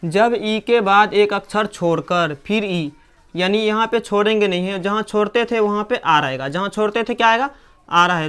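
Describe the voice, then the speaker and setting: A woman's voice: medium pitch, fairly bright tone, clear, resonant tone. A woman with a Hindi accent teaching English pronunciation, asking questions and answering them herself over and over. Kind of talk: classroom lesson.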